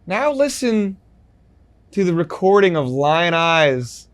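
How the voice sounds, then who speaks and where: A man's voice: sits high, sing-song, takes it slowly. A man talking to camera as a music YouTuber, explaining things casually and then ranting, repeating himself as he gets worked up.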